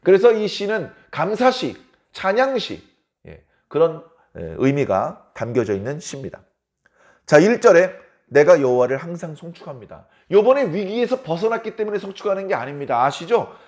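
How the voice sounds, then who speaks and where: A middle-aged male pastor giving an early morning sermon, lively and animated, acting out the people he quotes with small chuckles. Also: high-pitched, moderate pace.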